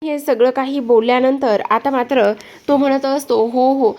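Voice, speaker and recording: Higher-pitched woman recapping a serial. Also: normal speed, muffled recording. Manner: steady retelling with stock filler phrases. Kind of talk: retelling a TV serial episode.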